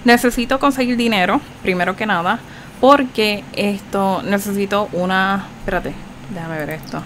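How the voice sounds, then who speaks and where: A woman giving casual, chatty commentary over her gameplay, reacting with animated exclamations. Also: medium pitch, normal speed, a little hiss or hum. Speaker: gaming channel host.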